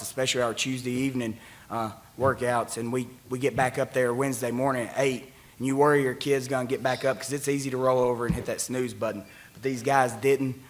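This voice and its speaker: Plainspoken coach at a podium. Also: male voice, mid-range voice. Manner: plainspoken, many "uh" fillers. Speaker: football offensive coordinator. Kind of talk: press conference remarks.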